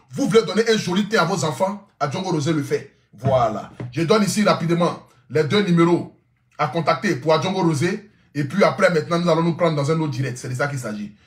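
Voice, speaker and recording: A man, hosting a live stream and pitching sponsor products in an insistent way, slowly repeating phone numbers. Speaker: live stream host reading sponsor ads. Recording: roomy echo.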